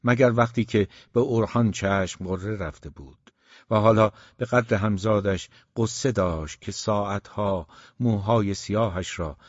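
A man narrating a novel as an audiobook in a measured, grave storytelling tone. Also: on the low side, no echo. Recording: dull, dry recording.

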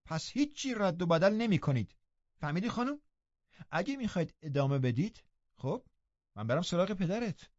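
A man's voice: mid-range voice, big pitch swings, warm tone, no room sound, lo-fi sound. A man voicing a stern middle-aged housekeeper who scolds firmly and scornfully, in an audiobook reading. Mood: scolding.

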